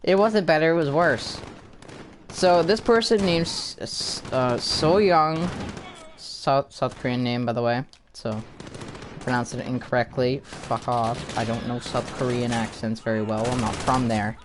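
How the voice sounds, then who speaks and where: Man, YouTuber, loose sarcastic rant to camera, lots of swearing and restarts, mid-pitched voice, faint noise behind. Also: measured pace. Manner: rambling, profane, sarcastic; many fillers and restarts. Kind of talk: casual commentary vlog.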